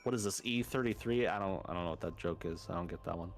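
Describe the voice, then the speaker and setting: A man's voice: sits low, quick pace. A man hosting a game stream, chatting casually with sarcastic jokes. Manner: joking, sarcastic banter. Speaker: streamer host. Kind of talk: casual gameplay chat.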